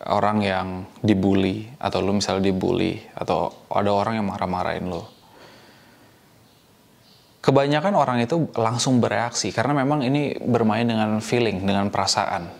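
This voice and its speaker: A man's voice: lowish voice, normal speed, vocal fry. A young man giving direct, coaching advice in a casual talk, slipping in English phrases.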